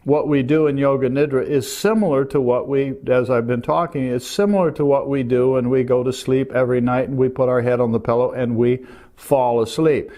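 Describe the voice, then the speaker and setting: An older man teaching meditation, explaining calmly and gently while pointing to a diagram. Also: medium pitch, a little fast. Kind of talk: calm spoken lesson.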